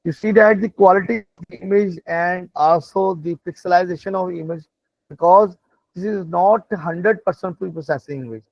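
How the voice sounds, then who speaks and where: Gravelly non-native English-speaking man teaching, slightly high-pitched. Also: dry recording. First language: not English. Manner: halting, repetitive explaining with frequent check-in questions. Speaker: instructor of an AI training class. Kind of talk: live online lesson, explaining while demonstrating on screen. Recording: dull, lo-fi online call audio.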